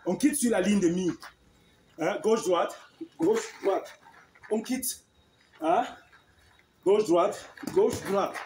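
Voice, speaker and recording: A man's voice: high voice, takes it slowly, pauses often, darkish tone. A man teaching combat techniques. He demonstrates with a partner, counts the moves aloud and keeps checking in with "hein?". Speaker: martial arts instructor. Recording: echoey room with faint noise.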